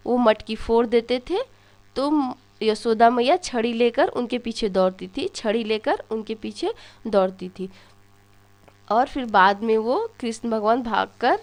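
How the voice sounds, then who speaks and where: Young woman w a higher voice doing exam prep tricks, asks then answers herself. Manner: storytelling, asks questions and answers them herself. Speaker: teacher.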